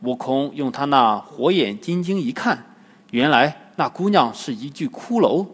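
A man telling a classic story to children in a lively, expressive storytelling voice. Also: mid-range voice, measured pace, slightly rough, in a large hall.

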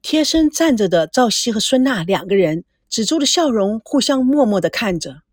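A woman host narrating a serialized story in an expressive, animated storytelling manner. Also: on the high side, normal speed, dry recording, studio quality.

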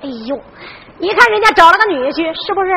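A woman's voice: very high-pitched, expressive, creaky, bright, forceful tone, in a large hall, a little hiss or hum, exaggerated voice. A woman playing a foolish, blustering young son in a Henan zhuizi story performance, coaxing and threatening his father. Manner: coaxing then threatening, drawn-out.

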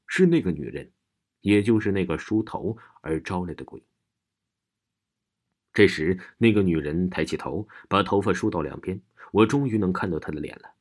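A deep, husky male storyteller whose voice climbs and falls widely as he tells a spooky tale in the first person. He shifts between hushed, tense passages and sudden loud outbursts. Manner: dramatic, swings from hushed to shouting. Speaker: ghost story narrator.

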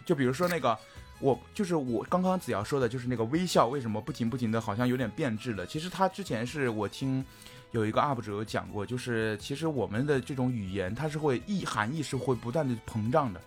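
A male co-host talks quickly in a relaxed group chat, his pitch swinging widely as he explains. He builds up steam on his points, with faint music under the talk. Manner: animated, explains at length with rising excitement. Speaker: podcast co-host.

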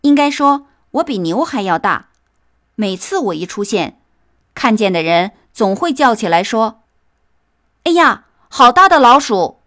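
A woman voicing a boastful, sly little male rat in a storybook tale, smug and high-voiced. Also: lively intonation, unhurried, no echo, studio quality, natural voice.

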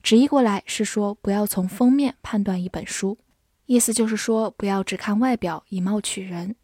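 A woman teaching English vocabulary, spelling each word out and reading example sentences slowly. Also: mid-range voice, mellow, no echo, studio quality. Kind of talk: vocabulary lesson.

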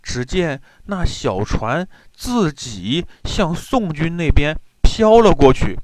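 A man telling a traditional tale to children in an expressive, drawn-out storytelling manner. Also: a little high.

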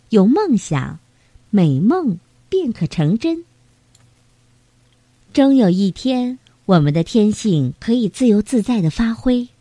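Lady reading a bedtime story to kids, mellow voice, lively pitch, dry close sound. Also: dry recording. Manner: gentle, storytelling to children.

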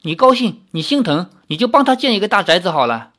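A man voicing a hot-tempered, sharp-tongued young woman in a read-aloud novel, pitched up high. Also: big pitch swings, fast. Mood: angry.

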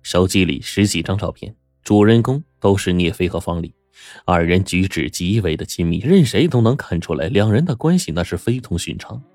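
A man narrating a scripted story in a lively, dramatic way. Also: sits low, normal speed, dry recording, studio quality, faint music behind.

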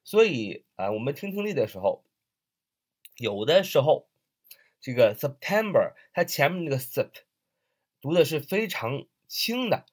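Husky male teacher, lively pitch. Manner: spells words letter by letter and repeats them slowly; frequent "uh" and "ah" fillers. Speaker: English listening teacher. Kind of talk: casual online lesson.

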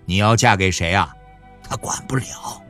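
A man's voice: fairly low pitch, normal speed, a bit bright, soft background music, voice pushed down, natural voice. A man reading a novel aloud and voicing a blunt, conflicted farmer who stammers. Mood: pleading. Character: middle-aged farmer man, blunt, torn over divorce.

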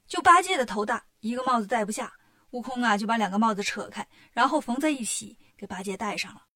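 A woman narrating a children's story in a lively, colloquial storytelling manner. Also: fairly high pitch, fast talker.

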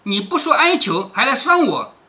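A man's voice: very high-pitched, very animated, normal speed, bright, forceful tone, voice pushed up, heavily acted. A man voicing a cold, proud young swordsman who sneers and barks orders at a bully he is punishing. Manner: sneering, commanding.

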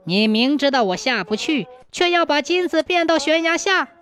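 A woman voicing a boastful, greedy male swindler in a high, excitable voice. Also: normal speed, soft background music. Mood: angry.

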